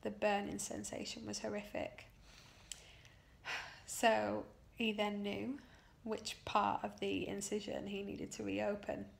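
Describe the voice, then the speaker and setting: A British woman talks to her video diary, weary and drained after an operation. Her voice creaks with vocal fry at an ordinary female pitch. She tells it haltingly and emotionally, pressing on the words that matter. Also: monotone. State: weary, worn out after surgery. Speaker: patient recounting her own surgery. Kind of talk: personal video diary, recounting an experience.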